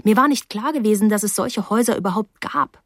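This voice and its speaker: A woman narrating a first-person story in a measured, quietly dismayed way. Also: medium pitch, dry recording, clean studio sound. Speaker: audiobook narrator.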